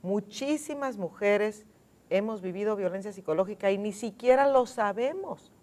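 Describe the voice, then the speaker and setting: A Mexican woman speaking as a guest on a studio panel, emphatic, repeating key words and slowing down to stress them. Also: mid-range voice. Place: television studio.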